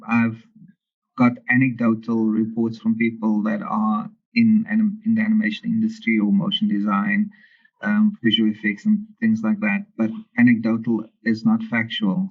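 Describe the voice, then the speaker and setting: A man's voice: fairly low pitch, creaky, husky. A man, a lecturer answering interview questions in an explanatory way over a narrow-band connection. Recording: muffled, phone-like narrow band.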